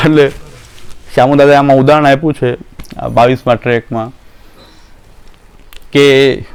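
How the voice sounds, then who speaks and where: A man's voice: mid-range voice, a little mellow. A man giving a devotional discourse, folksy, acting out quoted voices and laughing often. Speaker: religious teacher.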